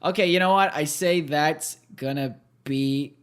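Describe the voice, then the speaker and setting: A man's voice: fairly high pitch, measured pace, a crowd in the background. A man co-hosting a podcast, chatting casually with playful, laughing banter. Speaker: podcast co-host. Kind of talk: casual chat.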